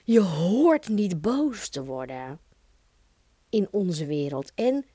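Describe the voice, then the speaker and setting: Intense, expressive Dutch woman, dry sound. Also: fairly low pitch, takes it slowly, slightly rough, no echo. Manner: intense, expressive, emphatic with swearing. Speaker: podcast host. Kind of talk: solo podcast monologue.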